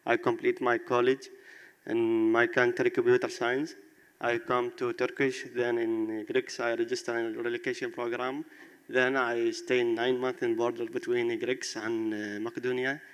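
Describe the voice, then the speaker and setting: A man's voice: medium pitch, little pitch movement, normal speed, clear, resonant tone, big-room sound. A man in his twenties from Iraq with an Iraqi Arabic accent, presenting his app in broken English with short phrases and frequent laughs. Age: 20s. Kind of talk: demo presentation.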